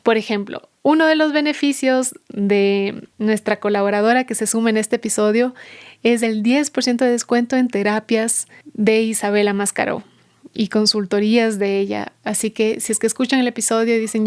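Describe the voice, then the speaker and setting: A woman's voice: fairly high pitch, fairly even intonation, a little fast, a little mellow, smooth. A woman hosting a podcast, introducing her guest and then interviewing her in the guest's home. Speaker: podcast host.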